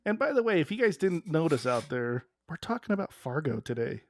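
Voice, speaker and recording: A man's voice: fairly high pitch, big pitch swings, fairly quick, slight background noise. A man hosting a podcast in an easygoing casual chat. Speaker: podcast host.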